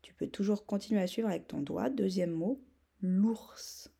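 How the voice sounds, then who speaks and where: A woman's voice: mid-range voice, a little fast, gravelly, warm tone, husky. A woman teaching young children to read, patiently spelling out sounds and words. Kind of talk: reading lesson for young children.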